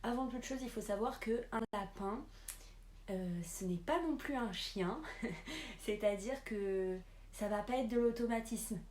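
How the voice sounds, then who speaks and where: A woman's voice: on the high side, measured pace, a little mellow, slight background noise. A young woman making a casual vlog tutorial, chatting with lots of hesitant fillers. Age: young adult. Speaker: pet vlogger.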